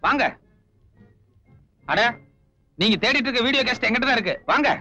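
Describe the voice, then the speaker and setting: A wry, self-assured thief who talks fast and high in a bright, forceful voice. Music plays faintly under the dull, lo-fi film sound. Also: male voice, exaggerated voice. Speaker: thief turned helper. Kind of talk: film dialogue.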